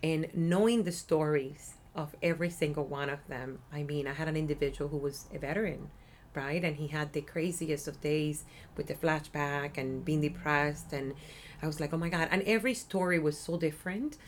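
A Cuban woman in her thirties, speaking with a Cuban Spanish accent, talks about her nonprofit community development work as a guest in a casual office interview. Her voice is low and fairly even, at normal speed, with a little hiss or hum in the audio. She's talkative and upbeat, frequently adding "right?"

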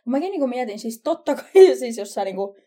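A woman's voice: a little high, sing-song, mellow. A young woman co-hosting a casual podcast chat, blunt and playful, laughing often. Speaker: podcast co-host.

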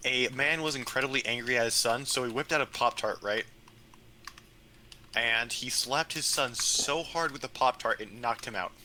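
A man's voice: mid-range voice, normal speed, sharp tone, a little hiss or hum. A young man co-hosting a casual podcast, sarcastic and swearing freely as he riffs. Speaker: podcast co-host. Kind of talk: casual chat.

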